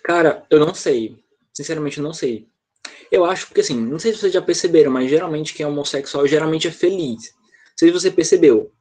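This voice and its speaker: A man's voice: a little high, fast talker, darkish tone. A male teacher explaining a grammar point to students on a video call, patient and step by step, often checking whether they follow. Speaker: English teacher. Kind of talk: online class explanation.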